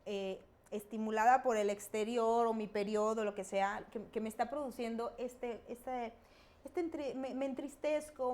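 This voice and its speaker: A middle-aged woman, talking reflectively as a guest expert, with pauses and fillers. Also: on the high side, a little mellow. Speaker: guest expert on emotions and fear. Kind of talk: conversational explaining.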